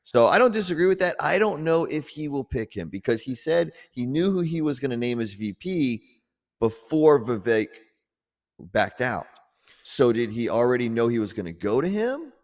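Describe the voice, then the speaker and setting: A man co-hosting a casual political chat show, talking in an animated, rambling way and often repeating words. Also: mid-range voice, normal speed, long reverb tail. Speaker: podcast co-host.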